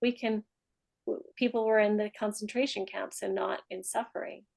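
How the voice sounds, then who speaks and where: Chatty woman with a gravelly edge. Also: mid-range voice, fairly even intonation, poor audio. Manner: chatty, laughs often, trails into soft slow meditation voice. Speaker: mastermind group leader. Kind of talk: coaching talk and guided meditation.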